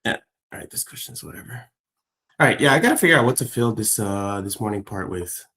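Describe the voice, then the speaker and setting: A man runs a casual trading livestream, bantering with friends and viewers in slang-heavy, filler-laden talk. His voice sits lowish and sharp, with lively intonation and a fairly quick delivery.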